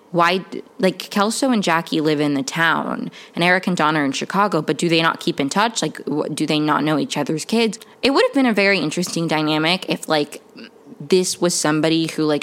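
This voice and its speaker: A woman giving a casual, chatty episode-by-episode TV recap, full of "like" and "um" fillers. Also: deep voice. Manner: chatty, lots of "like" and "um", quick laughs. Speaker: TV recap vlogger.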